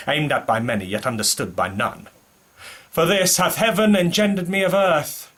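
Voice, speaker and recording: A man performs a scheming French duke in Elizabethan stage drama, hungry for a crown and ruthless about it. His voice is forceful and husky, at a middling male pitch. He declaims blank verse with grand, emphatic weight. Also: exaggerated voice. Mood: proud, resolute. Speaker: actor.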